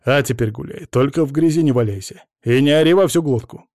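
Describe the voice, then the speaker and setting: A man's voice: medium pitch, fairly quick, darkish tone, no room sound, clean studio sound, close to an everyday voice. A man reading an audiobook, voicing a strong young father who speaks in a stern, curt way.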